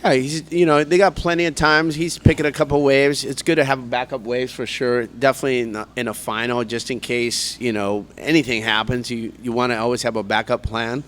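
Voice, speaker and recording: A man's voice: medium pitch, little pitch movement, brisk, few pauses, fairly bright tone. A man doing live surf contest commentary as an announcer, in a laid-back, slangy surfer way of talking.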